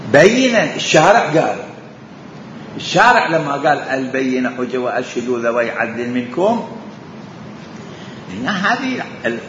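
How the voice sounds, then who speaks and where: A man lectures on Islamic jurisprudence in a lively, bright voice, raising rhetorical questions and coming back to the same point again and again. He is recorded in a large echoing hall, and the sound is dull and lo-fi. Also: mid-range voice, a little hiss or hum. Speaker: religious scholar teaching jurisprudence.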